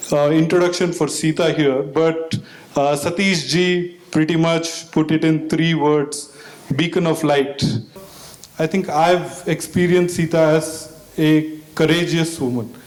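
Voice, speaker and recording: A man's voice: on the high side, fairly even intonation, unhurried. A man introducing the guest speaker at an event, admiring and a little loose with fillers. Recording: echoey hall.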